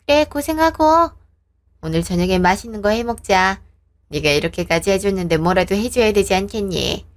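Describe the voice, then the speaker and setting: A woman's voice: medium pitch, lively intonation, normal speed, lightly acted. A woman doing a coaxing older mother-in-law. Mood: coaxing pleased. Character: older countryside mother-in-law, sweetly presumptuous.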